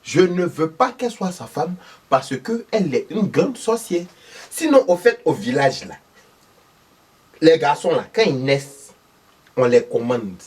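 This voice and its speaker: A man's voice: a little high, very animated, unhurried, long pauses, slightly rough, voice pushed up, full character voice. A man doing a fiery older Ivorian mother. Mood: insistent. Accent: Ivorian French. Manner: loud, insistent, exclaiming.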